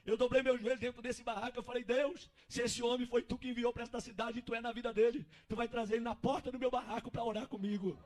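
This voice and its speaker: A man's voice: very high voice, steady tone, fast, hardly any pauses, a little mellow. A man voicing a poor, devout young man who speaks with fervent emotion. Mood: fervent joy.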